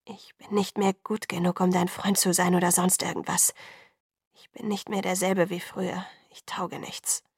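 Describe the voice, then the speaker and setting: A tormented teenage boy's voice, as a woman reader puts it on, hushed and hoarse, set low and grainy with a gravelly edge. He speaks coldly and haltingly in an audiobook, barely above a whisper, with a breathy, husky texture. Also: level tone, no room sound, clean studio sound. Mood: anguished whisper. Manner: low, cold, halting delivery. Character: troubled teenage boy, tense and withdrawn. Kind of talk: audiobook reading.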